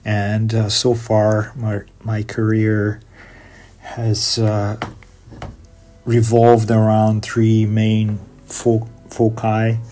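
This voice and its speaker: Slow, flat-voiced Hungarian man. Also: on the low side, soft background music. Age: middle-aged. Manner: measured and halting, many pauses and fillers. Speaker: guest organist and composer. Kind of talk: interview answers.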